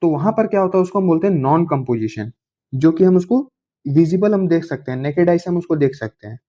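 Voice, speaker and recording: A male science teacher gives a school lesson in a mellow, fairly high voice. He reads textbook English slowly, then explains in casual Hindi and keeps checking that students follow. The sound is dull and lo-fi. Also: expressive. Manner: coaxing, informal, addresses students as bhaiya. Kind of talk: classroom lecture to school students.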